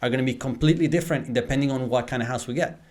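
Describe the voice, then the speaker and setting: A man in a relaxed interview, from Venezuela with Spanish as his first language. He sits at a middle pitch for a man and speaks with an earnest, explaining manner, circling back and repeating words as he thinks. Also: very fast. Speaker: real estate agent, podcast guest. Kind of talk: casual interview chat.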